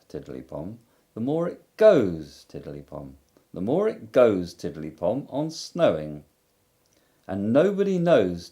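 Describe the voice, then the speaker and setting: A man's voice: fairly low pitch, mellow. Pooh, a man doing a humming, cheerful bear. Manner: slow, humming and sing-song. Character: cheerful, muddled, simple young bear. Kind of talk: storybook reading.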